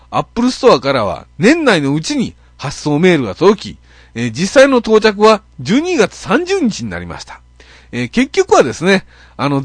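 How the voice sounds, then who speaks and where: Lively-voiced Okayama man grumbling on net radio. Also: high-pitched, no room sound, clean studio sound. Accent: Okayama Japanese. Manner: grumbling, self-mocking, filler-heavy. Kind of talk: casual monologue, comic storytelling.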